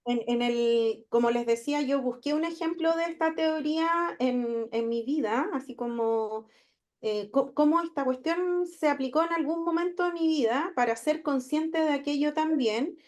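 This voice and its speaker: A woman's voice: sits high, moderate pace, darkish tone. A woman student sharing a personal example in class, hesitant and often restarting her sentences.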